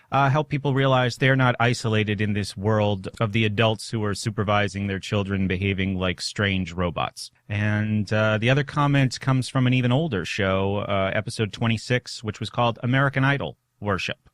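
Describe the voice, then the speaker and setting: A man's voice: lowish voice, fairly even intonation, moderate pace, no room sound. A man hosting a podcast solo in a casual, conversational and self-deprecating way, speaking into a studio microphone. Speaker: podcast host. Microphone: studio microphone through a mixer.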